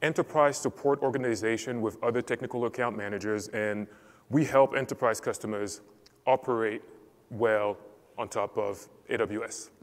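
A man's voice: on the low side, steady tone, normal speed. A man from Cameroon giving a structured technical talk on a conference stage. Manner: clear, structured presenting. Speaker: conference speaker. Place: large conference hall stage. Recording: reverberant conference hall.

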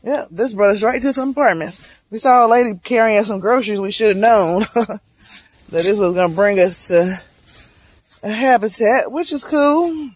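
Hiking a wooded trail with her phone held at arm's length, a Charlotte, North Carolina woman in her late thirties chats reflectively and motivationally to her vlog viewers, calling them "y'all." Her mid-range voice has a darkish, slightly rough quality and moves at a normal pace.

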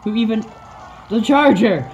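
A woman giving casual, playful, self-mocking commentary on her own gameplay, with bursts of excited yelps. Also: fairly high pitch, measured pace, muffled recording, slight background noise.

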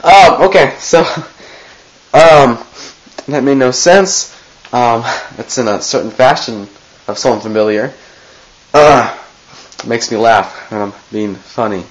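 In a low-quality recording, a teenage boy speaks slowly with frequent pauses in a mid-range voice. He's a vlogger making a goofy birthday message on a close-up webcam in his small bedroom, rambling and cutting himself off.

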